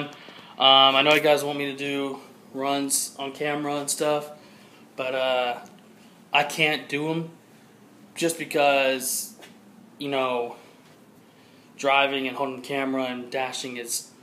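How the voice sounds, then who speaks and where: A man's voice: on the high side, fairly bright tone, slight background noise. A man, from Georgia, chatting casually and rambling upbeat into a handheld camera for his vlog. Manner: rambling, upbeat, repeats himself. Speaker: vlogger.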